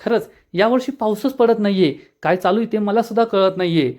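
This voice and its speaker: A man's voice: high-pitched, fairly quick, a little mellow, voice pushed up, natural voice. A man reading the lines of a cheeky, joking young man in a retold story. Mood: joking, breezy. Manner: playful, reassuring.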